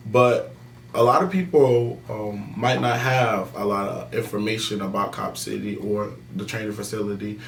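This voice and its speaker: A man's voice: on the low side, steady tone, moderate pace, creaky, a little hiss or hum. A young male student hosting a podcast, asking hesitant questions while searching for his words. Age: young adult. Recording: roomy, distant mic.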